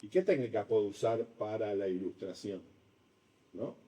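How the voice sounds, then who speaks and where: A man giving a university design lecture in a classroom, lively and acting out his examples. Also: on the low side, moderate pace, recorded from a distance, poor audio. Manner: animated, acts out examples with shifting voice. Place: lecture room.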